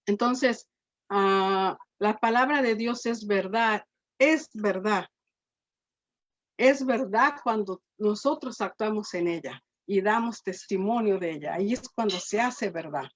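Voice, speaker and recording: A woman preaching a sermon, her voice sitting a little high. She keeps checking in with the congregation through tag questions and restarts words as she thinks aloud. The recording is dull and lo-fi.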